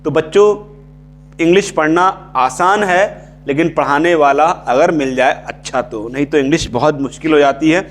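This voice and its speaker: Higher-voiced Indian man teaching English grammar. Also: normal speed, a little hiss or hum. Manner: repeats key terms, checks in with "ठीक है". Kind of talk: casual classroom lecture.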